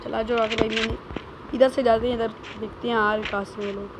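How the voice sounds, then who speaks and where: A woman streamer giving excited gameplay commentary, teasing teammates and shouting quick calls. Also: a little high. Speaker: gaming streamer. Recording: noisy game stream audio.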